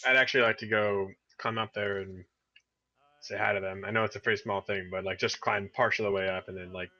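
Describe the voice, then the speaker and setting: A man's voice: lowish voice, fairly even intonation, fairly quick, sharp tone, no room sound, lo-fi sound. A man chatting casually as a player in a tabletop role-play game.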